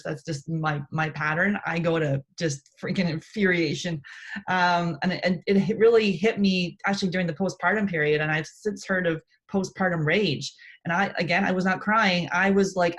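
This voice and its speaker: A woman in her thirties co-hosting a podcast, talking bluntly and swearing in fast bursts of frustration. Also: fairly low pitch. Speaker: podcast co-host. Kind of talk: casual podcast chat.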